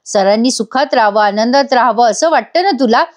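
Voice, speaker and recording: A woman doing furious young woman, shrill, taunting, pitched up. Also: fairly quick, close to an everyday voice. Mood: angry taunting. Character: angry young woman throwing out a rival.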